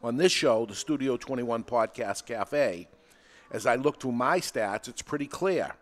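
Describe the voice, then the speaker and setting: Recorded live in a podcast studio, a male host with a New England accent speaks at a medium pitch and measured pace. He's plain-spoken and energetic, hammering each point home.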